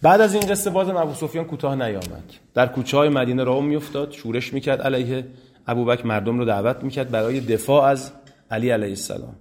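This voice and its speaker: A man giving a lecture on early religious history. He reads classical Arabic quotations slowly and then explains them in quick, conversational Persian. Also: medium pitch, a little mellow.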